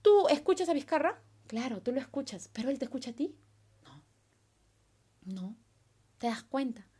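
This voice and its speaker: Animated woman teaching a class. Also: high-pitched, moderate pace, slightly rough. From Peru. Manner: animated, asks students questions and acts out their replies. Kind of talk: recorded remote class lesson.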